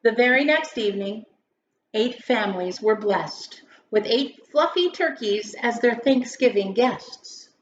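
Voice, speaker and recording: Reading a children's story like an elementary teacher, this woman is theatrical and emphatic, her expressive voice on the high side and her pace a little slow. A roomy echo, dull tone and faint noise mark the recording.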